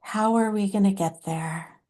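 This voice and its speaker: A woman channeling a compassionate, motherly female divine spirit who speaks slowly and soothingly to listeners as her children. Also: mid-range voice, warm tone, close to an everyday voice.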